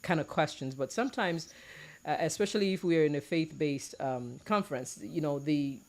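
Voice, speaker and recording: A woman's voice: low voice, normal speed, darkish tone. A woman from Nigeria hosting a live talk show, playful and teasing as she introduces her guests and the topic.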